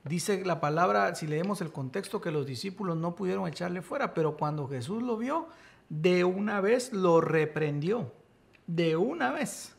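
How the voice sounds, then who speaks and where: Gravelly-voiced male preacher teaching Scripture. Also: high-pitched, animated, normal speed. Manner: emphatic, rises to exclamations. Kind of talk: sermon-style Bible teaching.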